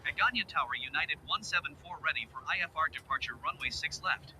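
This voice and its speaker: A man's voice: a little high, animated, fast talker, pushed and bright. A man speaking as an airline pilot over a cockpit radio headset, using clipped radio phraseology. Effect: cockpit radio headset transmission. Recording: noisy distant radio audio.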